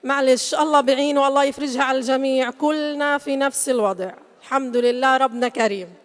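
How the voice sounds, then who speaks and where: A harried, exasperated mother, played by a woman speaks in a high, rapid voice with a Gazan Palestinian accent, in a live stage comedy. Her lines are quick and emphatic, and her voice rings with the long reverb of a large theater hall. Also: steady tone, close to an everyday voice. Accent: Gazan Palestinian Arabic. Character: weary harried mother coping with power cuts. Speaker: stage actor.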